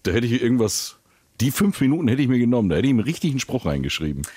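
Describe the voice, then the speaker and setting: A man hosting a casual chat, throwing in quick witty remarks. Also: medium pitch, very animated, dark tone, slightly rough, no room sound, clean studio sound.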